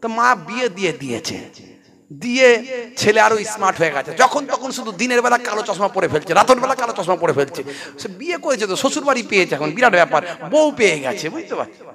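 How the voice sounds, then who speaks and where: High-voiced preacher with crowd. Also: male voice, quick pace. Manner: animated, acts out characters, rises to fervent exhortation. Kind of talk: Islamic sermon with comic storytelling. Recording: crowd noise from a large gathering.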